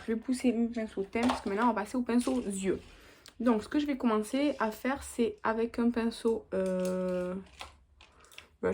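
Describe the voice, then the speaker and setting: A woman's voice: medium pitch, darkish tone, slight background noise. A young woman, chatting casually through a makeup tutorial as she works. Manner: chatty, talks while working, lots of little "hop"s. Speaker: beauty vlogger.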